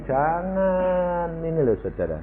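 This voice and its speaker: Elderly preacher in his 80s, animated folksy sermon delivery, dull radio-broadcast sound. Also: on the high side, takes it slowly. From Indonesia. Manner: folksy storytelling to the congregation.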